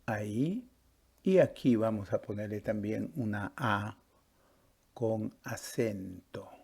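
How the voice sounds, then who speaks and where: A man's voice: fairly low pitch, gravelly, a little mellow, breathy edge. A man teaching a Spanish grammar lesson, patiently explaining step by step and often checking with the listener. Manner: patient, drawn-out, stops to ask "¿sí?" and "¿verdad?".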